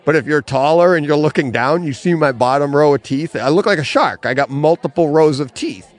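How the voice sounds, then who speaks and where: A middle-aged man co-hosting a casual podcast from a comic bookstore, telling an animated story and laughing often. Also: on the high side, fairly quick. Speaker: podcast co-host.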